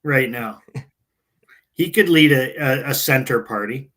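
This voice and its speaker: A man co-hosting a casual political podcast, talking in halting phrases full of fillers. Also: medium pitch, a bit bright. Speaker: podcast co-host.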